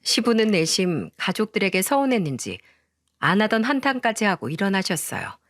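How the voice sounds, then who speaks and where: A woman's voice: mid-range voice, no room sound, studio quality. A woman narrating a first-person family drama story.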